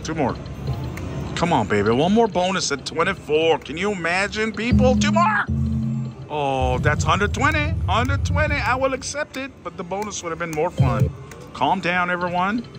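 A man giving casual, excited, theatrical commentary as he gambles, repeating phrases pleadingly and addressing his viewers. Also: high-pitched, normal speed. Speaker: slot machine gambling vlogger. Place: busy casino floor at a slot machine. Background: slot machine music.

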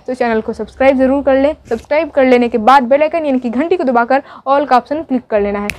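A young woman teacher explaining a poem in a video lesson, reading lines slowly and then going over them in casual speech, repeating phrases for emphasis. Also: high voice, a little mellow, dry recording.

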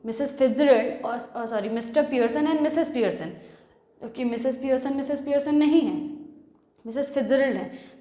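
A woman teacher with a fairly high voice retells a play scene by scene in a storytelling manner, mixing Hindi and English. She sounds as if recorded in a reverberant room, with a strong echo and a long tail. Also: mellow. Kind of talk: explaining a play in a lesson.

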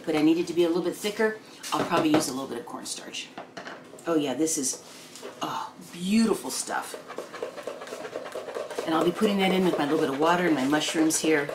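In her own kitchen, a home cooking host in her sixties chats away in a low voice, pausing often and saying um a lot in a warm, homey manner. The recording is noisy, with the clink of pans and dishes behind her.

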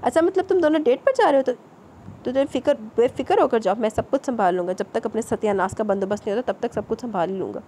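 A woman's voice: mid-range voice, hardly any pauses, mellow, a little hiss or hum, lightly acted. A woman voicing a cheeky young male friend, teasing on the phone. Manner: teasing, jokey.

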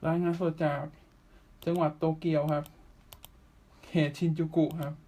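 A man's voice: a little high, flat delivery, mellow. Chatty man hosting an anime podcast. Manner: chatty, pauses often with drawn-out fillers. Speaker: podcast host. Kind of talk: casual solo anime news chat.

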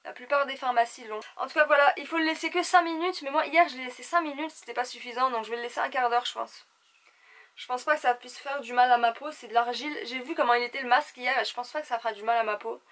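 A young woman chatting to camera in an animated, theatrical way, gossiping casually as if with close girlfriends. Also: sits high, fast talker. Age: young adult. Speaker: beauty vlogger. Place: small indoor room at home.

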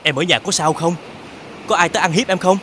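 An actor voicing a lively young prince brother in a cartoon, asking anxious questions. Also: male voice, sits high, brisk, slight background noise. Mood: worried.

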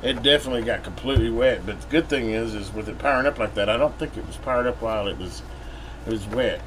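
In a low-quality recording with a steady, air-conditioner-like room hum, a middle-aged American man talks fast in a mid-range voice. Hosting his repair channel from an indoor workbench, he rambles casually and thinks aloud in a folksy way about the repair.

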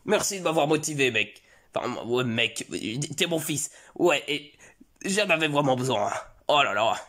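A man voicing a gruff, remorseful Bowser father in a comedic fan parody. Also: expressive, bright, forceful tone. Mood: tender. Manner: low, slow, dramatic.

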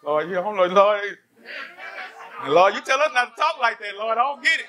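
A pastor preaches to his church in a high, bright voice. He is animated and keeps throwing rhetorical questions at the room. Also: moderate pace. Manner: animated, asks the congregation many rhetorical questions. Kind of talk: lively sermon.

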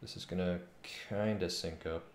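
This man's voice sits low, with a steady tone and moderate pace, as he casually thinks aloud during a livestream of his game development work. He's in his thirties, in an indoor room at home. The audio carries a roomy echo, faint noise, and the sound of keyboard typing and clicks.

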